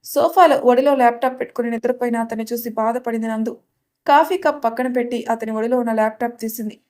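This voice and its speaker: A woman narrating a serial audio story in a steady, plain reading voice. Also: on the high side, fast.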